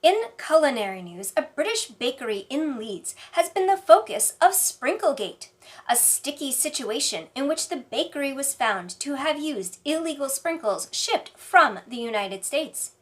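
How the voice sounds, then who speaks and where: A woman delivering scripted parody news as an anchor, in a deadpan newsreader manner. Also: sits high, normal speed. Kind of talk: scripted mock newscast narration.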